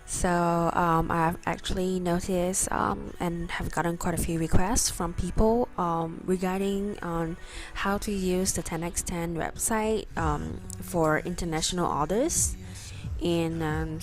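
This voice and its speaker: A woman with a lowish voice walks through an online tutorial in a casual, conversational way. She speaks with braces, so her words come out a little slurred, and she rambles hesitantly. Music plays clearly behind her. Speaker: online shopping tutorial presenter. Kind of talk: casual screen tutorial narration. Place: voice-over for a screen recording.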